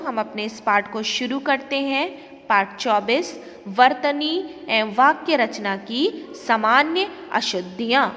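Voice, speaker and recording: A woman's voice: sits high, a bit bright, big-room sound. A woman school teacher giving an online class lesson, speaking carefully and repeating words for emphasis.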